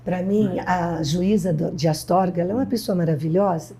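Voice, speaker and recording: Brief: older Brazilian woman, interview guest, husky and mellow, emphatic storyteller who acts out quotes. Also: on the low side, normal speed. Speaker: guest educator. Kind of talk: interview conversation.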